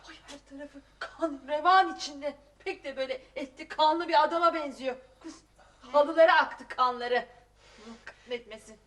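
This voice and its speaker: A middle-aged actress playing a loud, gossipy, cold-hearted working-class mother in a sitcom, exclaiming and scolding, full of folksy sayings. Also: high-pitched, normal speed. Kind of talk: sitcom acting.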